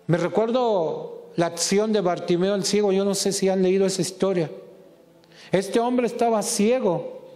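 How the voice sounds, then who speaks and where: A man preaching a sermon in a church hall, impassioned and rising to shouts as he acts out quotes. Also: high-pitched, unhurried. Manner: impassioned, rises to shouting when acting out quotes. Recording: long reverb of a hall.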